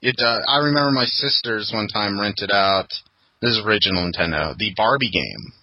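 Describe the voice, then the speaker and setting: A man's voice: lowish voice, lively intonation, moderate pace, bright, forceful tone, no room sound, low-quality recording. A man hosting a casual podcast chat, talking loosely and laughing often. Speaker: podcast host.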